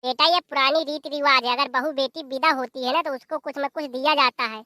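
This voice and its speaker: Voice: high voice, fairly even intonation, a little fast, pushed and bright, no echo, studio quality. A performer voicing a bossy, scolding older mother-in-law.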